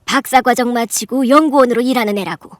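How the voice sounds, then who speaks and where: A voice actress playing a rude, scornful middle-aged aunt in a radio drama, sneering and loud with high, incredulous outbursts. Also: female voice, fast, no echo, natural voice. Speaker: voice actor. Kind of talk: Korean radio drama acting.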